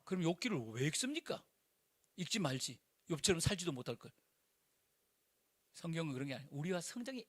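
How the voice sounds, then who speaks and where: A middle-aged male pastor preaching a sermon in an animated, colloquial way, full of rhetorical questions. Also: a little high, gravelly.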